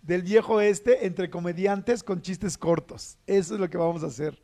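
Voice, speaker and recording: A man's voice: high-pitched, moderate pace, mellow. Man hosting a casual chat. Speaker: host.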